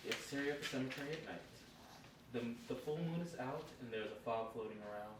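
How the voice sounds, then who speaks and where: A man's voice: mid-range voice, quick pace. A man narrating stage directions at a script table read, recorded in a noisy room from away from the mic. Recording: roomy, far from mic, noisy.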